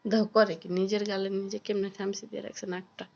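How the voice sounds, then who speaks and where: A woman's voice: medium pitch, little pitch movement, brisk, gravelly, dull audio, noisy background. A young woman, talking playfully with her toddler at home and coaxing the child with sing-song questions. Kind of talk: casual home video chat with a small child.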